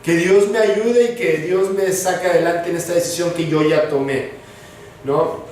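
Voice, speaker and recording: Earnest male pastor, sermon delivery, higher voice, distant mic in a reverberant church with faint ambience. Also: fairly even intonation, unhurried, a little mellow, a little hiss or hum. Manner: earnest, direct, addresses listeners as you. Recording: echoey hall, voice from far off.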